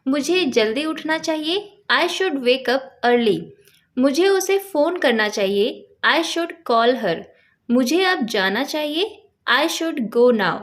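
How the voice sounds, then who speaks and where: A woman teaching English grammar in Hindi, saying each English example slowly and clearly. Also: high voice, a bit bright. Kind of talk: spoken grammar lesson.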